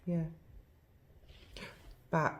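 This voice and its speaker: A woman's voice: very slow, highs cut off, slight background noise. A woman ghost hunter calling out to spirits and talking casually in an echoey room. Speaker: paranormal investigator.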